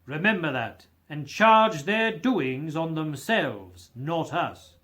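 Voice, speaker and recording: Guy doing a giant hearty ghost for a storybook, declaims everything, super emphatic, big swoopy pitch. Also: lively intonation, slow pace, bright, forceful tone, full character voice. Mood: stern, indignant. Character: gigantic hearty male spirit, generous, booming and indignant.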